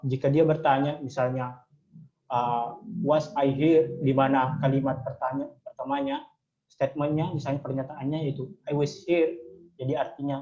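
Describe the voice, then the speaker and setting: A man with an Indonesian accent explaining English grammar in a slide lesson, pausing often with fillers as he reads out example sentences. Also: medium pitch, a little mellow, highs cut off. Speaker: English tutor.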